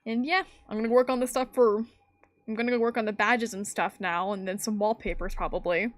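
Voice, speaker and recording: A woman's voice: fairly high pitch, steady tone, a little fast. A woman hosting a stream in casual chat, rambling and giggling often. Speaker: streamer host.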